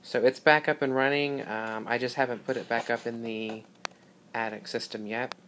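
A man hosting a casual hobby video, explaining equipment in an informal, halting way, recorded on a handheld device indoors. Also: medium pitch, steady tone, a bit bright. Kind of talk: casual product demonstration vlog. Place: small carpeted room indoors. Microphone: handheld phone or camera mic.

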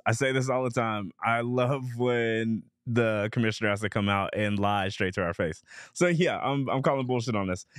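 A man's voice: mid-range voice, a bit bright, no room sound, clean studio sound. A man guesting on a sports podcast, blunt and opinionated, laughing easily. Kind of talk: casual sports podcast chat.

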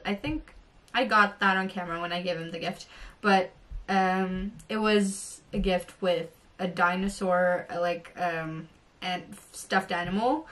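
A young woman from Norway telling an excited story to her camera, gushing and bubbly with many fillers. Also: medium pitch, far from the mic. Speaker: vlogger.

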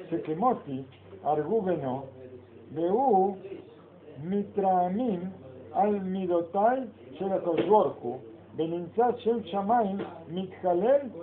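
A man, a rabbi teaching a Torah lesson. He reads Hebrew passages aloud, then explains them in with rhetorical questions. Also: high-pitched. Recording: phone-like lo-fi recording of a class with people around.

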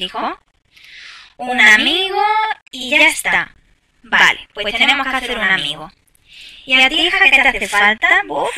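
A woman chats through gameplay in a very bright, slightly high voice, tossing exasperated asides to her viewers. She sounds set back from the microphone. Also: far from the mic, slight background noise. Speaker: gameplay streamer. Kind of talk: casual gameplay commentary.

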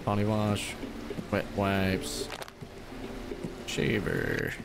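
A man's voice: lowish voice, drawn-out words, gravelly, very noisy. A young adult man giving casual, sweary, joking commentary while streaming a game. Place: small indoor streaming room.

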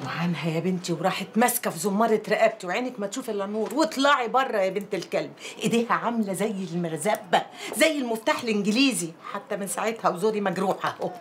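Teasing Egyptian auntie, actress, rapid and sing-song, faint room noise. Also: female voice, medium pitch, expressive, close to an everyday voice. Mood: gossipy. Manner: teasing, gossipy, dramatic. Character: gossipy, mocking older Egyptian neighbor woman. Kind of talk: film drama acting.

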